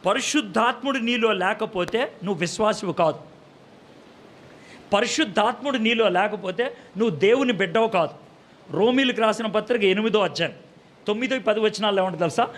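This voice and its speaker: A man preaches a sermon, often posing questions to the audience and answering them himself. His voice is high-pitched and a bit bright, and he acts out short voices for a story with humor.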